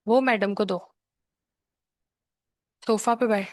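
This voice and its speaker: A woman tutor walks students through a reading task in a steady, patient way. She repeats key points and checks in often. Her voice sits in a middle range and sounds dry and close, with no room echo. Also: mid-range voice, slow pace. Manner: patient, repetitive explaining with frequent check-ins. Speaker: exam prep tutor. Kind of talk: explanatory lesson, mixing English terms into her talk.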